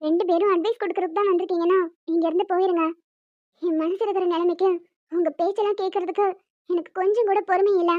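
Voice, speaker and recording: A woman's voice: extremely high pitch, steady tone, quick pace, dry recording. A woman playing a curt, snappish young wife. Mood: irritated. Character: bitter young wife, short-tempered. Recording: dull lo-fi recording.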